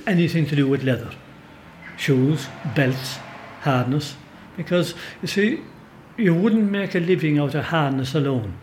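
A man's voice: on the high side, animated, a little slow, a little mellow, slight background noise. An older Irish man with a Kerry accent, telling rambling, emphatic anecdotes as an interview guest in the back of a pub. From Ireland. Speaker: storyteller and folklorist guest. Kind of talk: relaxed conversational storytelling.

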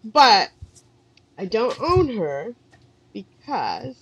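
A woman co-hosting a casual podcast chat, stuffy with allergies, animated and expressive. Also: fairly high pitch, slightly rough. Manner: animated, expressive, drawn-out affirmations. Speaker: podcast co-host, eyewear professional. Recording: dull dry lo-fi mic.

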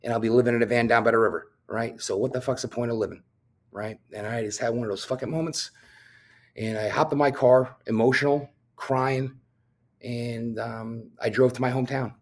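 Man, podcast guest, police officer, from new jersey, blunt, swears freely, lots of ums, mid-pitched. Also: steady tone, a little fast. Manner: blunt and profane, with frequent fillers. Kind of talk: candid personal storytelling.

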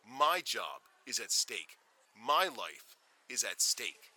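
A man's voice: mid-range voice, very animated, takes it slowly, bright, forceful tone, breathy edge, exaggerated voice. A man playing an anxious, confrontational doctor in an audio drama, with a pointed delivery. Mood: desperate.

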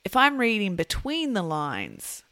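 A woman hosting a podcast for English learners, explaining things in a measured, teacherly manner. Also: mid-range voice, huge pitch swings, sharp tone, no echo.

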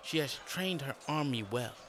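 A man voicing a cautious royal advisor who calmly warns his emperor. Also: medium pitch, normal speed, noisy background, natural voice. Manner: calm warning.

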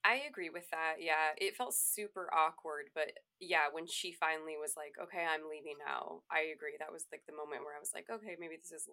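Lower-pitched bright young woman co-host. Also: fairly even intonation. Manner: agreeable, quick backchannels. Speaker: podcast co-host. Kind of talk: casual chat.

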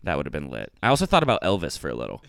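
A young man hosting a podcast, chatting casually and enthusiastically with quick asides and the odd swear. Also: extremely low pitch, huge pitch swings, creaky, fairly bright tone, smooth, no echo. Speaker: podcast host. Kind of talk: casual chat.

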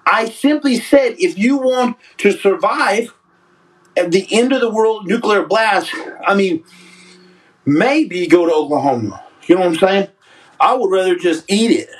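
A man's voice: high-pitched, animated, moderate pace, far from the mic, rough recording. A man hosting a casual livestream, reading out the chat and joking with viewers, teasing them and calling them son. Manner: joking, trash-talking, calls people son. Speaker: podcast host reading live chat.

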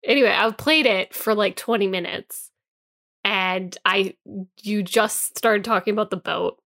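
A woman's voice: mid-range voice, a little slow, fairly bright tone. A woman co-hosting a casual podcast, chatting playfully about video games. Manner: laughs often, playful. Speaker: podcast co-host.

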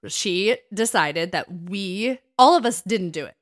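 A podcast co-host in her thirties tells personal stories casually and with animation, her voice at a medium pitch and measured pace. She stresses and repeats words for emphasis, and the studio-quality recording has no echo.

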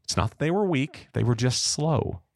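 An American man hosting a casual podcast, reading a horror story aloud with a lively, animated delivery. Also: mid-range voice, normal speed, creaky, dry recording, studio quality.

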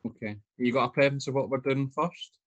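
Man, podcast co-host, rambling, hesitant, mid-pitched voice. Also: quick pace, muffled recording. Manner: rambling, hesitant, laughs often. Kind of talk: casual chat.

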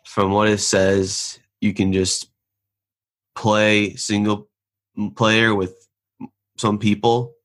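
A man's voice: fairly low pitch, little pitch movement, drawn-out words, long pauses, fairly bright tone. A young man co-hosting a podcast, explaining a game's premise in an easygoing way with some restarts. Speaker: podcast co-host. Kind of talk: casual game review chat.

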